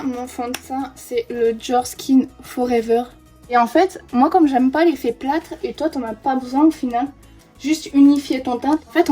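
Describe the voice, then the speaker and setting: A beauty vlogger in her twenties chats casually through a makeup tutorial while doing a friend's face indoors, saying "hop" each time she applies a product. Her voice is high-pitched with a dark tone.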